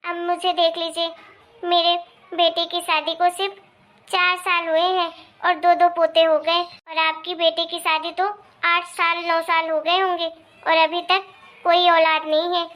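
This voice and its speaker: A woman's voice: very high voice, level tone, a little slow, a bit bright. A woman voicing a meddling young married neighbor who gossips and gives pushy advice.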